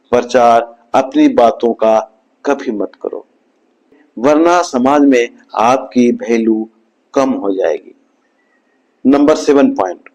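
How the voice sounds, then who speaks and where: A man delivers a scripted motivational talk at a very unhurried pace. His pitch sits in the middle range, and his voice falls low and quiet at the close of each point. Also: low-quality recording. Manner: slow, measured delivery, dropping low at the end of each point. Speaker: motivational speaker.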